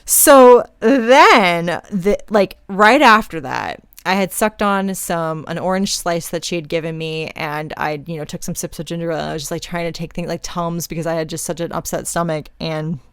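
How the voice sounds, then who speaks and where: A young woman recounting her own story on her podcast in a casual, chatty manner, full of "like"s. Her voice is low-set and smooth. The sound is close and dry, with no room behind it. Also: normal speed, hardly any pauses, a bit bright, dry recording. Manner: casual and chatty, many fillers like "like". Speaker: podcast host. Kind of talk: personal storytelling.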